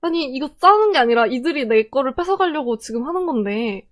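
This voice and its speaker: A young Korean woman telling a personal story in a casual, animated way, acting out the quoted voices. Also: high-pitched, a little fast.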